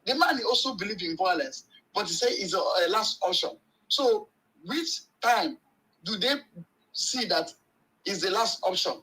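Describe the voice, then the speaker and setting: A man's voice: sits high, sing-song, measured pace, bright, forceful tone, rough recording. A man calling in to a talk show, heard over a phone on speaker, arguing his point emphatically and preachily. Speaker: caller. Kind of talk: call-in talk show opinion.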